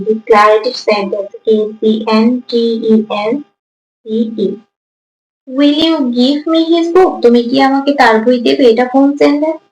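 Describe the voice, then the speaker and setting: A woman teacher going through exam answers, reading English prompts slowly, explaining them in Bengali and spelling words out letter by letter. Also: sits high. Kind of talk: exam answer walkthrough lesson. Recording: echoey room.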